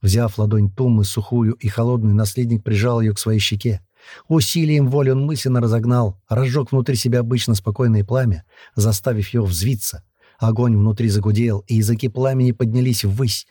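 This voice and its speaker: Husky, dark-voiced male narrator. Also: mid-range voice, steady tone, brisk, no room sound, clean studio sound. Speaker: audiobook narrator. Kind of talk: scripted fantasy narration.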